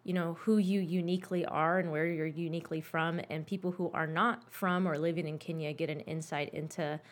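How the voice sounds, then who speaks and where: Lower-voiced woman hosting a podcast. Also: fairly even intonation, brisk. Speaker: podcast host. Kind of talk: casual interview chat.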